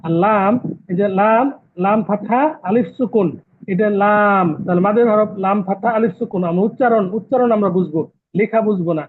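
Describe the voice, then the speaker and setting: In an online lesson, a man teaches Quran recitation rules, patiently repeating terms and quizzing his students. His voice sits high and he speaks briskly, over tinny, phone-like call audio.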